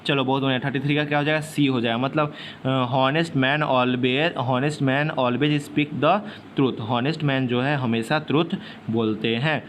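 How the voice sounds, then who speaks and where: Man teaching, urging quick answers. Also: medium pitch, fairly even intonation, fairly bright tone, slight background noise. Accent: Bihari Hindi. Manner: quizzes students, urges quick answers, repeats questions; reads sentences slowly, word by word. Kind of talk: online exam-prep class.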